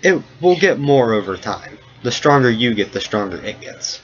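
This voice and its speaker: A man's voice: very animated, normal speed, a bit bright. Guy running a d&d game, casual and joking around, kinda muffled recording. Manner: casual, laughs at his own story. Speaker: game master. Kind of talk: narrating a tabletop game and voicing characters. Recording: dull low-fi sound with faint noise.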